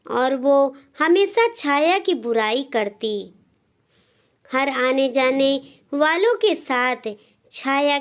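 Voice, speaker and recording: In a high-pitched voice, a woman works through a scripted moral tale, delivering it in deliberate phrases broken by frequent pauses.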